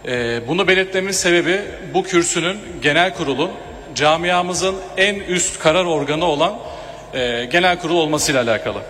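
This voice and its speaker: A high-pitched man addresses an assembly from a podium microphone. His voice is bright and forceful, and his delivery is formal and measured with small hesitations. A long hall reverb and faint room noise sit around him. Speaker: club member addressing a general assembly. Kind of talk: formal speech.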